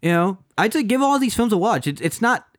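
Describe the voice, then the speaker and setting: A man co-hosting a loose podcast chat about movies, talking fast with a lively, swinging pitch. He rambles, swears casually and keeps restarting his sentences. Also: no echo, clean studio sound. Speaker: podcast co-host.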